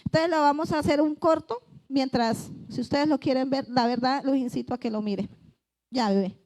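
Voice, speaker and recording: A woman's voice: sits high, moderate pace, darkish tone, slight background noise. A woman preaching a conversational church sermon, earnest, often voicing pleading prayers aloud. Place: church service.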